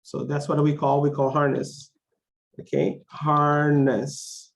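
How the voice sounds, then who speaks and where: An English teacher leads a conversation class, explaining things simply, repeating key phrases and asking check questions so learners can follow. His voice is on the high side and level in tone, at normal speed. It carries some vocal fry and is a little mellow.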